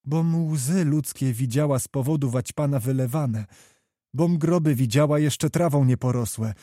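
A man reading the lines of a shy, wary young woman with hushed, hesitant replies. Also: mid-range voice, measured pace, no room sound, clean studio sound, natural voice. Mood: reproachful.

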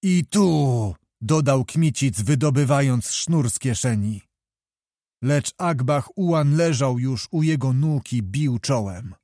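A male audiobook narrator telling a historical novel in a measured, even way. His voice is warm and mellow, in a middle register. The recording is close and dry, with no room sound. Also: mid-range voice, no echo.

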